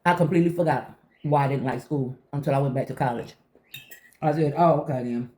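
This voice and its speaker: A middle-aged woman chatting casually to viewers while eating, telling stories in an animated way and acting out conversations. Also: extremely low pitch, a little fast. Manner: talking while eating breakfast. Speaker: vlogger.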